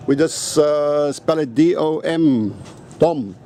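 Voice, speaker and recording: A native Afrikaans speaker vlogs outdoors, rambling casually and bluntly with the occasional swear word. His voice sits on the high side and sounds mellow, he takes his time, and there's a faint hiss or hum in the recording.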